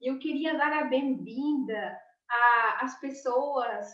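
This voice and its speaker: A woman, a teacher chatting warmly on a video call, laughing often. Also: sits high, steady tone, slow. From Argentina. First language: Spanish. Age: 40s. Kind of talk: casual chat on a video call. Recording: roomy, distant, dull sound.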